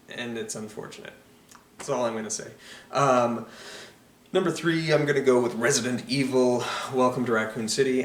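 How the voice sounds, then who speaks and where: A man giving a casual, opinionated film review, rambling with many fillers and restarts. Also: medium pitch. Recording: echoey room, mic at a distance, faint noise.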